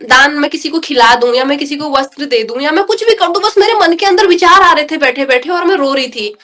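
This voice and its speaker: A woman's voice: sits high, lively intonation, fairly quick, pushed and bright. A woman guest earnestly recounting a personal devotional experience in an interview, often turning to the host as she tells it. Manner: earnest, emotional storytelling, often addressing the host as brother. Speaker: podcast guest.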